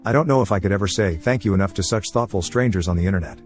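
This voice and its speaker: A man narrating forum posts as a story, reading quickly with few pauses. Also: sits low, faint music behind. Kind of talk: fast scripted story reading.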